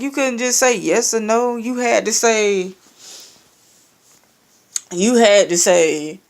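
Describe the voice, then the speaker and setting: A young woman telling a personal story in a casual, profane and sarcastic rant, acting out the exchanges. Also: a little high. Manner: profane, sarcastic, animated retelling with quoted exchanges.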